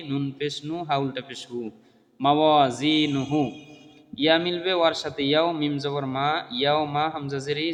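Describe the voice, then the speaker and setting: A patient teacher, a man, spells out letters and vowel marks in a steady sing-song drill. His voice sits at a middle pitch and carries a long reverb, as if he is in a hard, echoing room. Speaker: Quran reading teacher. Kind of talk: slow spelling-out lesson for beginners.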